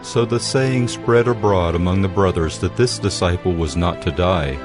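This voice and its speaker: A male Bible narrator with a low voice reads scripture steadily and solemnly at a normal speed, while music plays clearly beneath him.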